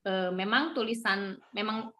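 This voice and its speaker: A woman's voice: mid-range voice, a little slow, sharp tone. Patient woman teaching German pronunciation. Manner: patient, corrects pronunciation step by step. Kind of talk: live online language lesson.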